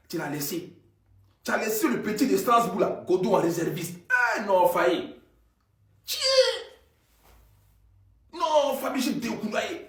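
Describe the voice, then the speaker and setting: A man's voice: sits high, far from the mic. Exasperated Ivorian man in an echoey room. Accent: Ivorian French. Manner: exasperated, addressing the coach directly, reproachful. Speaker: football fan. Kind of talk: complaining monologue.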